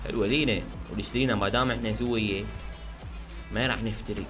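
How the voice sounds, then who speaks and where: A man commentating his own gameplay, shouting, chanting and making silly sound effects. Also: fairly low pitch, steady tone, fast talker, over music. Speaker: gaming video host.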